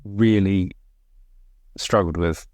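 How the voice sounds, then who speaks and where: A man's voice: deep voice, steady tone, slow pace, a little mellow, no room sound, studio quality. A man co-hosting a casual podcast chat, speaking candidly and reflectively, often restarting his sentences. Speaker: podcast co-host.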